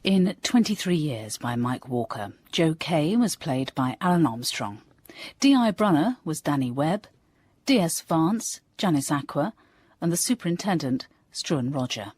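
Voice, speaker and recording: A woman's voice: low-pitched, big pitch swings, a little slow, darkish tone, husky, no room sound. A woman reading the closing credits of a radio drama as announcer. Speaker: continuity announcer.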